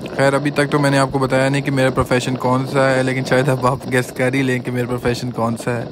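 A man's voice: mid-range voice, quick pace. A young man chatting casually to viewers as he rides his motorbike at night. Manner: chatty, relaxed, addresses viewers as friends. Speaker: motovlogger. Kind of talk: casual vlog narration while riding. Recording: road and traffic noise.

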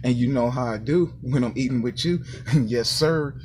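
An American man with a mid-range, slightly mellow voice hosts a casual food review vlog at normal speed, with slight background noise. Upbeat and chatty, he often speaks to his viewers and drops catchphrases from a small indoor counter beside a sink.

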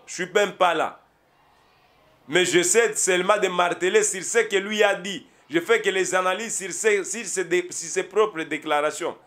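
A man's voice: sits high, a bit bright. A man with a Congolese French accent giving live political commentary, emphatic and repeating his key points.

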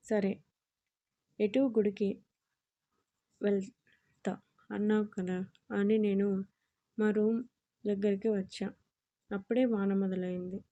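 A woman's voice: mid-range voice, warm tone, lightly acted. A woman voicing a playful young man who teases his girlfriend in an audio story, her speech bantering and affectionate. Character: teasing playful young man, college-aged lover. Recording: dull lo-fi audio.

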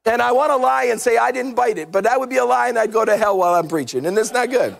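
A middle-aged man preaching a humorous, animated sermon on a church stage with a headset mic, now and then shouting his points. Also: very high-pitched, quick pace, vocal fry. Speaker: pastor.

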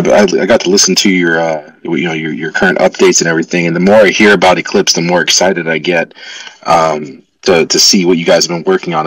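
Upbeat guy on a headset at the office, real low voice, sounds far off the mic. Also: a bit bright, slightly rough, no echo. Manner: upbeat, enthusiastic. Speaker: crypto project community member. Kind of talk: casual online audio chat.

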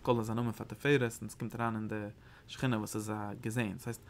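A man giving a study lesson on mystical texts as a Torah teacher, talking in a halting, searching way and often repeating phrases. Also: on the low side, level tone, a little hiss or hum.

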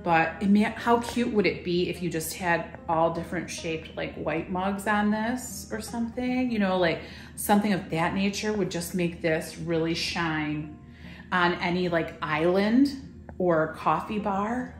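A woman's voice: lowish voice, unhurried, roomy sound, faint music behind. A woman in her thirties hosting a casual product showcase in a shop, talking enthusiastically with lots of fillers. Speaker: shop host presenting items for sale. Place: indoor shop room full of farmhouse decor.

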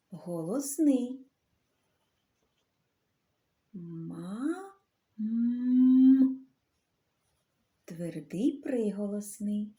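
A woman teaching a literacy lesson to young children. She talks slowly and clearly and draws out the sounds. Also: mid-range voice, warm tone. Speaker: primary school teacher.

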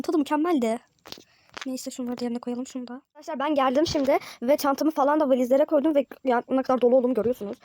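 A woman's voice: high-pitched, dark tone. A woman narrating a role-play game vlog, talking straight to her viewers in a chatty way with dramatic, exasperated sighs.

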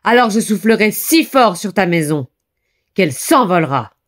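A woman voicing a hungry, ill-tempered big bad wolf in a children's story, speaking in a low, growling, menacing voice. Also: expressive, slow pace, a little mellow, full character voice. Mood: furious.

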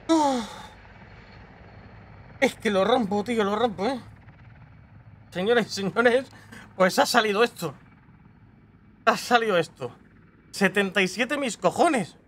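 Excitable high-voiced streamer. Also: male voice. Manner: swears a lot, excitable, talks straight to viewers. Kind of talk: excited gameplay commentary.

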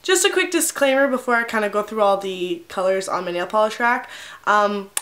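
A woman's voice: mid-range voice, fairly quick, fairly bright tone. A young woman chatting casually as a beauty vlogger, with lots of ums and likes, recorded in her home bathroom with an echoey sound. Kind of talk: casual chat.

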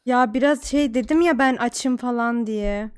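A woman with a high voice talks slowly through a casual role-play session. Her complaints come in drawn-out sighs. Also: darkish tone, clear, resonant tone. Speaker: streamer playing a role-play character.

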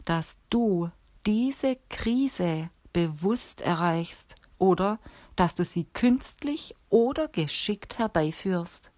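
A woman's voice: lowish voice, animated, darkish tone, no echo. A woman reading as a stern old sorcerer man. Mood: stern, instructive. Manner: measured, instructive. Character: old male sorcerer teacher, calm and stern. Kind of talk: audiobook reading.

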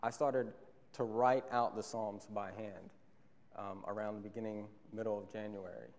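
A young man delivers an earnest sermon from behind a pulpit, speaking into a stand microphone. His voice sits fairly low, and he often repeats a phrase to drive it home. The church sanctuary adds a long, trailing reverb to every word. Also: fairly even intonation, normal speed, darkish tone. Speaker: preacher.

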